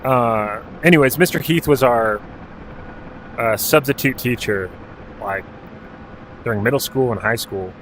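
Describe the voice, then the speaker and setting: In a rough recording with a little hiss or hum, an Alaskan man with a mid-range voice talks at a measured pace, leaving long pauses. His casual livestream of a helicopter game is relaxed and profane, full of clock directions and range callouts.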